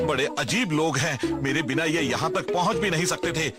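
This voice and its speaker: Man as an excitable, high-pitched cartoon owl. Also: brisk, over loud music, close to an everyday voice. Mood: sulky. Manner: dramatic, whiny, exclamatory. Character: talking owl, male, excitable, vain, girl-crazy, easily offended. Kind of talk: animated series dub acting.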